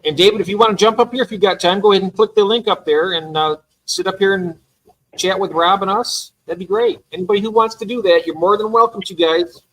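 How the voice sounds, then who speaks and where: A man's voice: high voice, steady tone, quick pace, a bit bright, low-quality recording. Chatty man hosting a stream. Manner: enthusiastic, chatty, trails off. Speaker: livestream host. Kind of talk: casual live chat.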